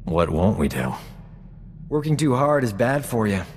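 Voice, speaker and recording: A cocky frontier doctor in a video game, a smooth-talking adventurer and companion character, speaks in a low, very animated male voice at a slightly slow pace. His banter is smug, suave, and flirtatious, with long hall reverb, game music underneath, and a little hiss or hum.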